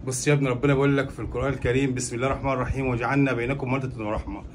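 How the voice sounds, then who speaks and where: A man's voice: medium pitch, little pitch movement, racing, a little hiss or hum, natural voice. A man playing a pious, fatherly neighbor with an Egyptian accent who lectures and admonishes. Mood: admonishing. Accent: Egyptian Arabic. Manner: admonishing, preachy. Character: pious, fatherly middle-aged male neighbor. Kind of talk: short web drama acting.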